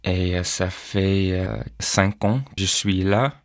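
Low-voiced hesitant man. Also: fairly even intonation, slow, no echo, studio quality. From Canada. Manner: hesitant, frequent "euh" fillers. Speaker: pastor, guest. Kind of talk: personal testimony.

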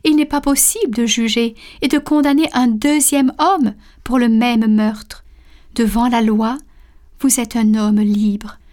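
A woman voicing a stern male judge in a storybook reading, speaking formally and deliberately. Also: a little high, fairly even intonation, darkish tone, natural voice. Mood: solemn.

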